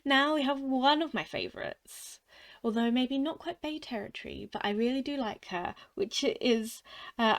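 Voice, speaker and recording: A young woman hosting a gaming channel, chatting casually and rambling through her opinions, often repeating words as she thinks aloud. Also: a little high. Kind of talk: casual chatty tier-list commentary.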